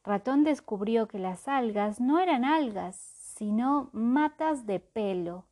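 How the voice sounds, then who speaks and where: A woman narrates a children's story aloud, reading at an unhurried, gentle pace. Her voice sits a little high, and she shapes each sentence expressively for young listeners. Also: lively intonation.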